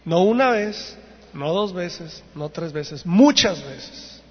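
A high-pitched man gives an animated youth sermon. He tells the story and acts out its voices. He is recorded in a church hall, with a long, ringing reverb and a dull, muffled sound. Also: takes it slowly, breathy edge. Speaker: youth preacher.

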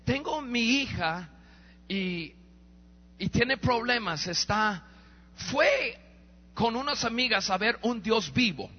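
A man voicing a worried elderly village woman who asks for help in a soft, pleading tone. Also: extremely high pitch, expressive, slow, pauses often, in a large hall, highs cut off, heavily acted.

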